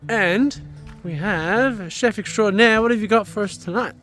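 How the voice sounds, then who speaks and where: A man's voice: sits high, normal speed, fairly bright tone, soft background music. A young man hosting a travel vlog outdoors, chatty and self-deprecating. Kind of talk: casual travel vlog narration. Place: outdoors at a campground.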